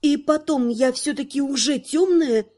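A woman's voice: high-pitched, normal speed, a little mellow, natural voice. Woman voicing a shy young necromancer girl. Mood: hesitant. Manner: hesitant, shy. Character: timid young female necromancer student.

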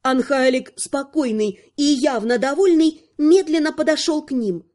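A woman giving a scripted narration of a fantasy story in an even, expressive reading. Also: sits high, measured pace.

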